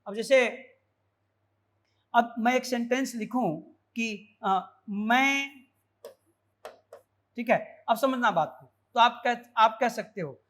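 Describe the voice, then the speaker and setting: A man's voice: very high-pitched, slow, long pauses, fairly bright tone. A man teaching an English lesson, quizzing his students with repeated questions and calling them child in a fatherly way. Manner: fatherly, calls viewers child; gets carried away with enthusiasm. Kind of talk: explanatory video lesson.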